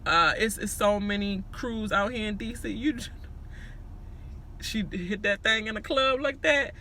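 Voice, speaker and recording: A man's voice: sits high, a little slow, sharp tone, a little hiss or hum. A man with a Washington, D.C. accent gives a casual, gossipy recap with sassy, slangy, profane commentary. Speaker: reality show recapper.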